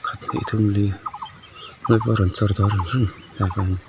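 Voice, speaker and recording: A man's voice: fairly low pitch, level tone, a little fast, lo-fi sound, heavy background noise. Man muttering outdoors amid birdsong. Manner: short scattered remarks and interjections. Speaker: gardening vlogger. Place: outdoors in a garden.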